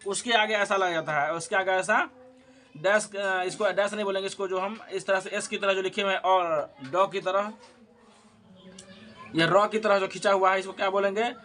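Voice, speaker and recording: A high, bright male voice giving a step-by-step music lesson. He keeps asking his students a question and answering it himself. Now and then he slows down to sing note names. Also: a little hiss or hum. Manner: repeats key points as questions and answers them; sings note names slowly while explaining. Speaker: music teacher. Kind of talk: spoken harmonium lesson.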